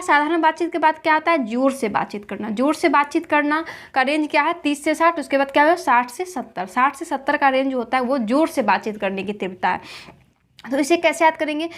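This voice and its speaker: A woman teaching a lesson with memory tricks, asking questions and answering them herself, repeating key points. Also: high voice.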